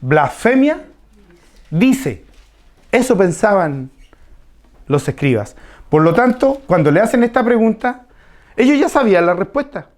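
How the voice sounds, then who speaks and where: This expository Bible study sermon comes from a preacher whose medium-pitched voice is darkish in tone, with lively intonation at normal speed. He teaches the congregation a passage, repeating key phrases and questioning them.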